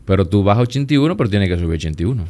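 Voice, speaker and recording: A man with a Dominican accent, chatting as a guest and telling stories in a relaxed, easygoing way. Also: lowish voice, very fast. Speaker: guest, plastic surgeon. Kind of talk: casual conversation.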